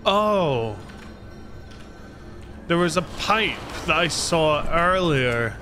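Playing a video game on a livestream, a Scottish man talks to chat in a rambling, self-deprecating, casual way. He's animated and fairly high-pitched, very slow, with a pushed, bright tone, and faint music plays behind amid noticeable background noise.

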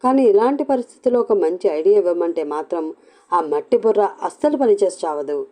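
A woman's voice: on the low side, lively intonation, brisk, mellow, natural voice. A woman voicing an impatient, scolding elder sister-in-law in a storybook reading.

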